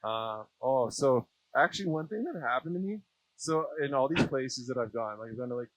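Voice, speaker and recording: A Canadian man from Saskatchewan chats casually as an interview guest in a small aircraft cockpit, informal and slangy. His medium-pitched voice has lively intonation at a moderate pace, and the audio is poor but has no echo.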